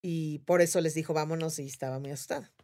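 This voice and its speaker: A woman with a Mexican accent tells a story in relaxed conversation. Her voice sits a little low for a woman. She jumps into the voices of the people in the story as she goes. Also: quick pace. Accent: Mexican Spanish. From Mérida, Mexico. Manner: animated, acts out voices of others in her story. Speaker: podcast guest. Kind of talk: casual storytelling.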